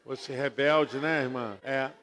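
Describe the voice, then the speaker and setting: A man with a Rio de Janeiro accent, a pastor teaching a discipleship class in a lively, chatty way. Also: mid-range voice, measured pace, slight background noise. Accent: Rio de Janeiro Portuguese. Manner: lively and conversational, mimics phone beeps. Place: church hall. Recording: long church hall reverb.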